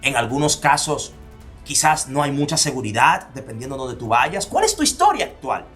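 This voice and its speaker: A man's voice: medium pitch, sing-song, normal speed, a bit bright, soft background music. A man from the Dominican Republic with a Dominican accent, giving a motivational talk. He fires off repeated rhetorical questions and drops to near-whispers for emphasis. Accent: Dominican Spanish. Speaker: motivational speaker.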